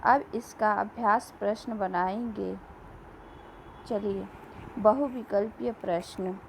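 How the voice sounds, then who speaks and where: A woman teacher giving a slow classroom lesson, reading questions and answers aloud and repeating words for young pupils. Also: mid-range voice, steady tone, creaky, slight background noise, poor audio.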